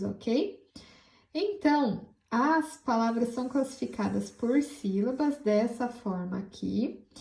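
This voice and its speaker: Brazilian woman, schoolteacher, high pitch, gentle patient delivery, roomy echo. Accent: Brazilian Portuguese. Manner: patient, explains slowly, spells out words; affectionate toward pupils. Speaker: teacher. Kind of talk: school lesson for children.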